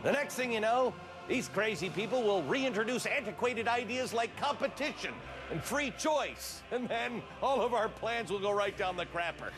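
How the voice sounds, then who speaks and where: A man's voice: animated, normal speed, over music. A man doing a pompous Soviet state propagandist. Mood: mock-worried. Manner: theatrical, mock-solemn, swings high and low. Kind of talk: satirical comedic sketch.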